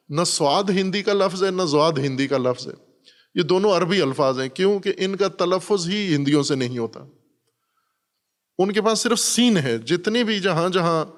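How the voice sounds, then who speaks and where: A man's voice: a little high, long reverb tail. A man giving a Quran commentary lesson, explaining patiently with repeated examples. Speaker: Quran teacher. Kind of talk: Urdu Quran commentary lecture.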